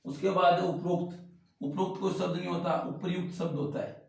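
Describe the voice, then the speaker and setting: Writing each word on a board, a man teaches Hindi spelling to exam students, explaining and repeating as he goes. His high voice is flat, a little fast, and has vocal fry, captured from far off in a very echoey room.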